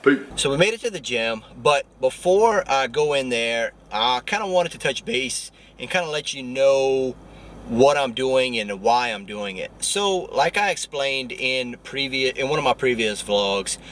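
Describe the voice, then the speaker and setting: A young man talking quickly and chattily to the camera as a fitness vlogger. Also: medium pitch, expressive, a bit bright. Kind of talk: casual vlog talk. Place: gym.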